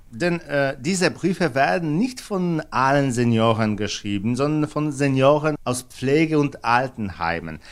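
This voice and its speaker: Male correspondent, German, halting, lots of fillers. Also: mid-range voice. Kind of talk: news interview answers.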